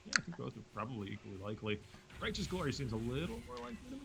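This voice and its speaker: A man casting an esports match, giving quick play-by-play with wry jokes. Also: medium pitch, sing-song, vocal fry, very noisy. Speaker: esports caster. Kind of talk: play-by-play commentary.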